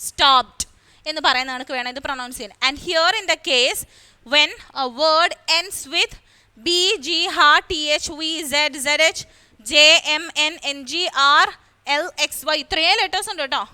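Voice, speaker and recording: Slow, bright-voiced Malayali woman teacher. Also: high-pitched. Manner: explains step by step, repeats key words, quizzes the listener. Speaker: school English teacher. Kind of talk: classroom lesson for children.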